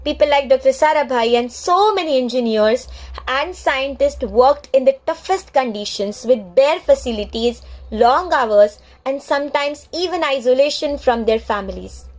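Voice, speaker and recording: A woman's voice: sits high, poor audio. A young woman with an Indian accent tells a space story in a vlog, earnest and heartfelt. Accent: Indian English.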